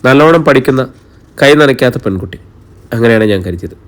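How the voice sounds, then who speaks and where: A man reading the part of a gentle elder sister in an audio story. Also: medium pitch, lively intonation, brisk, natural voice. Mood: fond. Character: gentle, emotional young woman, elder sister.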